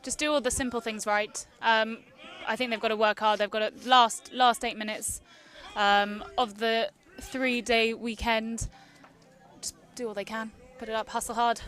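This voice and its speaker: Female color analyst from Wales, slightly high, chatty and filler-heavy. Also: steady tone, normal speed, fairly bright tone, faint music behind. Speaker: color commentator, former player. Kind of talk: live sports commentary.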